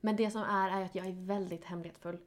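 A young woman co-hosting a podcast in casual chat, chatty and quick to tease, often giggling. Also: on the low side, steady tone. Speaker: podcast co-host.

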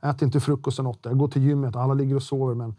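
A man's voice: mid-range voice, level tone, dark tone, dry recording, studio quality. Blunt, slangy middle-aged man. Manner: blunt, slangy and full of swearing, with many restarts. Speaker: podcast guest. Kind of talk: casual interview talk.

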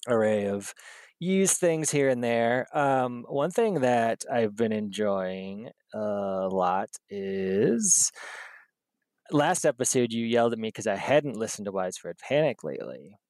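A man's voice: medium pitch, animated, a little slow, darkish tone, no echo. A man hosting a podcast in a rambling, casual chat full of fillers and laughs. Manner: rambling and chatty, many fillers, laughs often. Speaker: podcast host.

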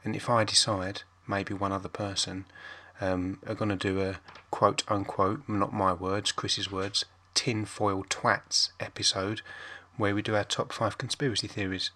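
A man casually introducing a podcast as its host, deadpan, rambling and sweary. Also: on the low side, unhurried, few pauses.

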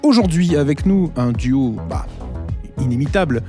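A man's voice: a little high, lively intonation, moderate pace, music in the background. A man hosting a casual film podcast, teasing his co-hosts playfully and leaning on lots of fillers. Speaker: podcast host.

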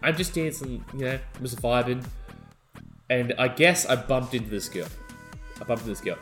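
A man co-hosting a podcast, telling a rowdy story in casual chat and swearing as he acts out the shouting. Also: mid-range voice, normal speed, faint music behind. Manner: animated, swearing, acts out shouting in his stories. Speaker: podcast co-host.

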